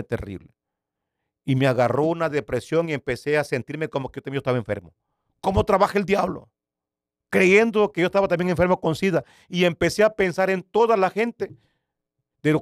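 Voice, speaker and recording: A man in his fifties, an evangelist pastor, giving a personal faith testimony with dramatic storytelling, repeating words and swinging from loud bursts to hushed near-whispers. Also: a little high, dry recording, studio quality.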